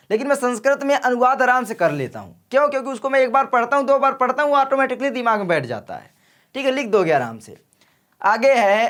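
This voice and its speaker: Man, young, high voice, sore throat, friendly exam coaching, direct. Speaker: exam-prep teacher. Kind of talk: casual exam coaching lesson.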